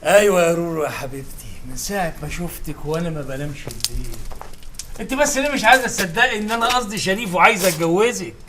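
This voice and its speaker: An actor with an Egyptian accent playing a lovesick suitor in a TV comedy, fawning and pleading. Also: male voice, sits high, expressive, fast, pushed and bright, a little hiss or hum. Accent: Egyptian Arabic. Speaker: suitor Shukri.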